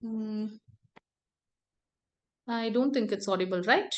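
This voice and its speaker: A woman's voice: fairly high pitch, slow pace, muffled recording. A woman presentation skills trainer giving an online class lecture over a video call, ending points with tag questions. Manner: tag questions, repeated emphasis.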